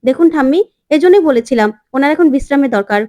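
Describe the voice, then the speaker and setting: A woman voicing a steady, devoted young wife. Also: high voice, fast talker, no room sound, studio quality. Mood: earnest. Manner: calm, earnest pleading.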